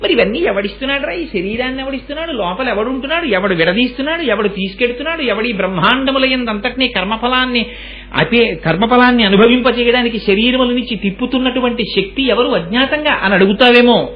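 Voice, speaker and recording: A man giving a devotional sermon. He recites verses slowly and his pitch swings from low to high as he explains them. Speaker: spiritual discourse speaker. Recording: dull lo-fi recording.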